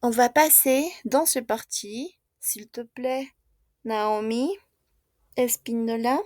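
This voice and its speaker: A woman's voice: a little high, takes it slowly, a little mellow, no echo, studio quality. A woman teaching a French class in Spanish, patiently repeating words and checking often that students follow. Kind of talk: classroom language lesson.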